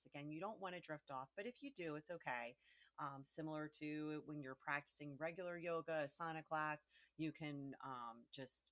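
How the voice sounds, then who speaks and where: A young woman with a low, grounded voice, speaking as a yoga teacher in a relaxed, casual way. She talks gently and unhurriedly, with frequent ums and endings that soften and trail away. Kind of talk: casual spoken introduction to a guided meditation.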